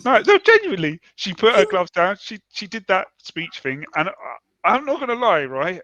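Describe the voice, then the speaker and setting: A man co-hosting a casual sports podcast, telling his reactions in an animated, earnest way. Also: high voice, moderate pace, no room sound, dull audio. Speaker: podcast co-host. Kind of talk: casual chat.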